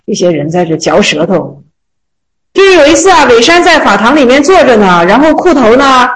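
High-voiced woman explaining Zen koans. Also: poor audio. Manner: slow, measured reading of classical text, then chatty colloquial retelling; laughs and jokes with listeners. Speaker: Zen koan teacher. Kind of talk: reading classical koans, then retelling them casually.

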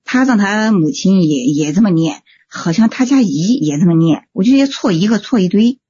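Woman, student, polite and hesitant, dark mellow tone, lo-fi call audio. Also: medium pitch, lively intonation, moderate pace, breathy edge. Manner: polite, hesitant, rising questioning tone. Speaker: student asking questions. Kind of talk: online Q&A question.

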